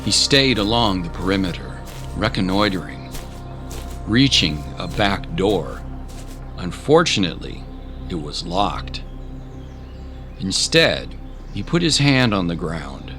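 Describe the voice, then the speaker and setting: A storyteller with a low-pitched voice reads scripted, dramatic narration of a fantasy adventure. He delivers it in a measured, deliberate way, pausing for effect.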